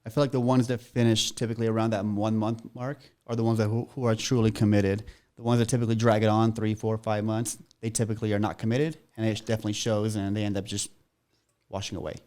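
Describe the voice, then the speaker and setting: A man's voice: lowish voice, level tone, fast talker, mellow. A man co-hosting a studio podcast, talking earnestly about his team in a casual chat, with a few stumbles. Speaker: co-host, real estate team lead.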